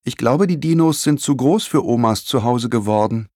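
A man voicing a curious, eager young girl in a storybook reading, with a bright, excited childlike delivery. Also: mid-range voice, moderate pace, no echo, studio quality, pitched above the performer's own voice, lightly acted.

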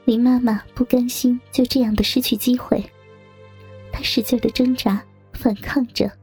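Breathy woman narrating an audio story. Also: a little high, steady tone, normal speed, soft background music. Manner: soft, breathy, half-whispered reading.

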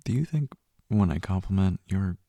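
A man giving soft, hushed, tender second-person roleplay narration, often dropping to a whisper. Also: sits low, animated, moderate pace, no echo. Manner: tender and reassuring. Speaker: audio roleplay performer.

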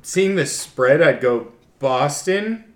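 A man's voice: a little high, expressive, takes it slowly, noisy background. A man offers opinionated takes on betting spreads during a casual podcast chat. His voice rings a little in a roomy space. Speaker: podcast co-host.

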